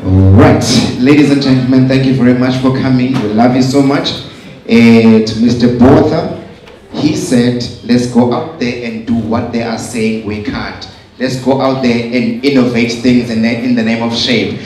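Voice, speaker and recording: A man's voice: mid-range voice, fairly even intonation, normal speed, a little mellow. A man giving a rousing closing address to a live audience. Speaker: event speaker closing the programme. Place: large echoey indoor venue. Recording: echoey hall, distant, noisy crowd.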